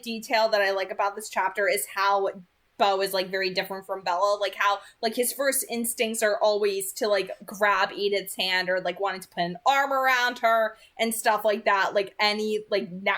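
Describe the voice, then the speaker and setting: A read-aloud channel host talks casually about a book at normal speed, her mid-range voice a little bright. She's rambling and emphatic, leaning on repeated phrases for stress.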